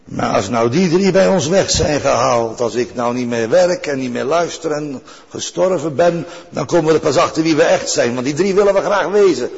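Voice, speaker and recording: A man's voice: on the high side, expressive, moderate pace, gravelly, husky. An older man preaching a sermon in an earnest way, repeating key phrases for weight. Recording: dull recording with long church reverb.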